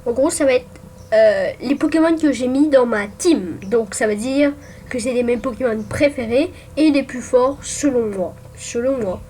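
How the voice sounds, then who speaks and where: While assembling a ranking on her computer, a young woman who runs a gaming YouTube channel chats at normal speed in a high, dark-toned voice. She stumbles with many fillers and restarts in this casual screen recording, and keyboard clicks sit under faint background noise.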